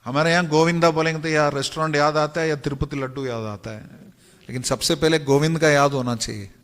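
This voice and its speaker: A man's voice: a little high, fairly even intonation, fairly quick, a bit bright. A man giving a devotional story sermon in a temple hall, retelling tales and chanting verses between his explanations. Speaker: religious storyteller. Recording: echoey hall.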